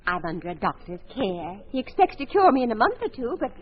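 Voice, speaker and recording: An actress playing a flustered, genteel society wife in 1940s radio drama, halting and melodramatic. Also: female voice, on the high side, big pitch swings. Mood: confessing. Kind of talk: 1940s radio comedy-mystery acting. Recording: tinny, noisy old radio recording.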